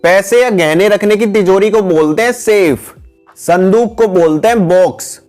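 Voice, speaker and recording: A man teaching English words for household items in a steady, repetitive voice-over, calling his viewers guys. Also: sits high, a little slow, faint music behind. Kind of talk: vocabulary lesson voice-over with pictures.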